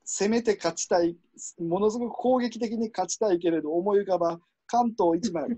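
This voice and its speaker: A man with a Kansai accent hosting a word game, explaining rules in a relaxed, chuckling way. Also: high voice, normal speed, breathy edge, dry recording. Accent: Kansai Japanese. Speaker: game host and referee. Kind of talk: casual game commentary.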